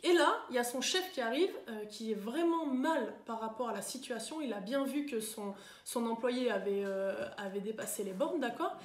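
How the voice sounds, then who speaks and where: A woman's voice: on the high side, expressive, moderate pace. Chatty woman coach in echoey room. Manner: chatty, with many fillers and tag questions. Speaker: coach giving self-improvement advice. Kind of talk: live talk to viewers.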